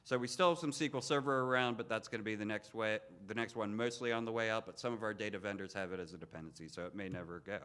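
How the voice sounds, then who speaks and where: A man's voice: on the low side, fairly even intonation, fast talker, hardly any pauses, a bit bright, smooth. A man giving an informal technical lightning talk as a conference speaker.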